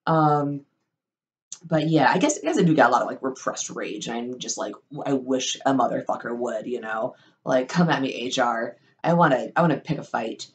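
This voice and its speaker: This young vlogger has a bass voice with lively intonation and talks at a normal speed. Her storytelling wanders, packed with ums and likes, and she curses freely in a wry way.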